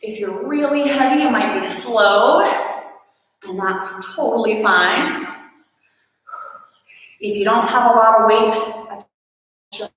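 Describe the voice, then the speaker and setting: Woman workout coach, unhurried, upbeat delivery with playful self-jokes; recorded in a very echoey room. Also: medium pitch, fairly bright tone. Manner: upbeat coaching, counts reps aloud, jokes about her own effort. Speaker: fitness instructor. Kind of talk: leading a live workout class. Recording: echoey room with long reverb.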